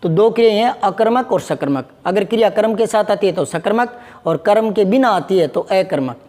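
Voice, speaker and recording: A man's voice: sits high, animated, normal speed, darkish tone, big-room sound. A man teaching Hindi grammar, patiently repeating examples and asking his students questions. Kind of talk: classroom lesson.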